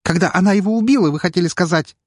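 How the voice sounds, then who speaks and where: A man's voice: sits high, very fast, darkish tone, no room sound, clean studio sound, voice pushed up. A man voicing a young maid who is grieving and hostile, near tears, speaking in clipped, strained phrases through clenched teeth. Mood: hysterical.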